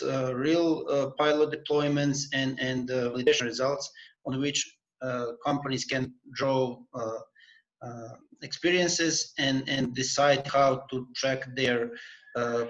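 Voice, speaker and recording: Halting man presenting online. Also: medium pitch, fairly bright tone. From Serbia. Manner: halting, many filler sounds and restarts. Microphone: video call. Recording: muffled online call audio.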